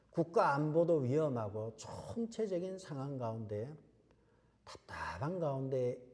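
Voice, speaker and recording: Male pastor, emphatic Sunday sermon, rhetorical questions; mellow tone, long church reverb. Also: mid-range voice. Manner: emphatic, repeats key phrases, asks rhetorical questions. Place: church sanctuary.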